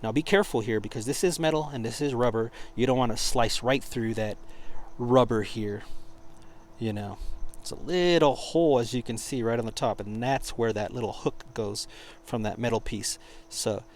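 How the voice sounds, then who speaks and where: Casual, halting man over noisy background. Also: medium pitch, darkish tone. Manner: halting, informal, searching for words. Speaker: product reviewer. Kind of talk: casual hands-on product demonstration.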